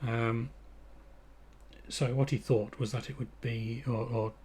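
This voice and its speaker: A husky English man speaking at an ordinary middle pitch as he hosts a casual live stream. He rambles loosely, backtracking and filling gaps with ums and uhs. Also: flat delivery, slow pace, darkish tone. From England. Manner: rambling with frequent fillers and restarts. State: out of breath. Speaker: livestream host.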